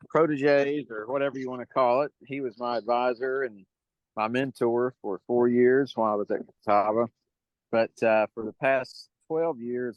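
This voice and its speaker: A city council member calling in by phone while traveling, introducing himself in a friendly way with some fillers. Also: male voice, mid-range voice, no room sound, poor audio. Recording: dry phone audio.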